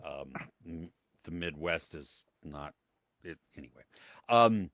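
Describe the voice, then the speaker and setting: An American man co-hosts a live podcast, chatting casually about movies and reading viewer comments, with lots of fillers and frequent laughter. His voice is extremely low yet expressive and fairly bright, delivered slowly, with studio quality and no echo.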